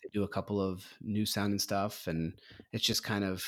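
A man's voice: on the low side, little pitch movement, moderate pace, no room sound, studio quality. A man hosting a podcast, talking casually with a hesitant, filler-heavy, easygoing delivery. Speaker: podcast host. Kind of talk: casual chat.

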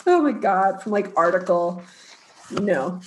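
A woman's voice: mid-range voice, lively intonation, slow, a little hiss or hum. Young woman podcast cohost, joking around, chatty and self-mocking. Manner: chatty, jokey, self-deprecating. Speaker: podcast co-host. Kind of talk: casual chat.

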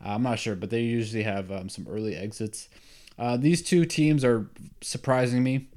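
A man's voice: medium pitch, normal speed, darkish tone. A young man hosting a sports podcast alone, talking casually and with strong opinions, full of fillers and restarts. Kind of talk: solo casual sports talk.

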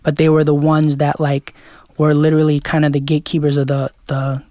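A man talks through an interview in a loose, rambling way, circling back with fillers and restarts. His voice sits fairly high and stays level, with little rise and fall. The sound is dry and close, with no room around it. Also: completely flat delivery, a little fast, dark tone, dry recording. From Queens, New York. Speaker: DJ guest. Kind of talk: casual interview chat.

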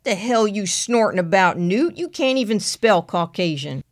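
A woman's voice: medium pitch, animated, normal speed, natural voice. Woman doing a folksy deputy. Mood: scornful. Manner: plain, folksy drawl. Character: slow-witted Southern male chief deputy.

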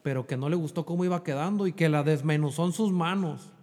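A Mexican man recounts his own story in earnest, slipping English fillers into his Spanish. His voice sits somewhat high. The recording carries a long, hall-like reverb. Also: quick pace, darkish tone. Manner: earnest, repeats "bro" and mixes in English fillers. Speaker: guest sharing a faith testimony. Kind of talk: emotional personal testimony.

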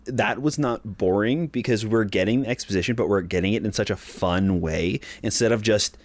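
A man's voice: lowish voice, moderate pace, no room sound. A man co-hosting a podcast, talking enthusiastically in casual chat, with lots of "like" fillers and restarts. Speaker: podcast co-host. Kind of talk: casual show recap chat.

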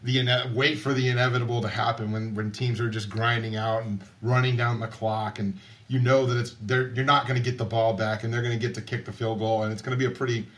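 A man's voice: mid-range voice, little pitch movement, fast talker, a bit bright. A man co-hosting a sports podcast, a sports writer chatting casually and restarting his sentences often. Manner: hesitant, many restarts.

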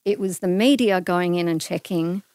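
A middle-aged woman with an Australian accent talks earnestly through a personal story as an interview guest, her voice smooth and clear. The sound is close and dry, with no room around it. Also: fairly low pitch, normal speed, no room sound. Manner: earnest, animated retelling with acted-out quotes.

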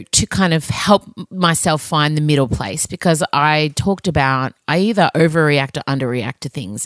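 A woman's voice: low-pitched, no echo, studio quality. A middle-aged woman hosting a podcast, talking in a candid, chatty, self-mocking confessional monologue. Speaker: podcast host.

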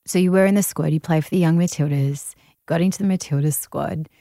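A woman hosts the interview with a low, mellow voice, prompting her guest with engaged follow-up questions. The sound is dry and close to the mic. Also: a little fast, no echo. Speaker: podcast host.

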